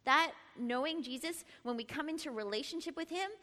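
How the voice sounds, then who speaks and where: A middle-aged woman leading a church Bible study, lively and often laughing as she prompts the group. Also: high-pitched, brisk. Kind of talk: Bible teaching talk. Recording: long reverb in a large room.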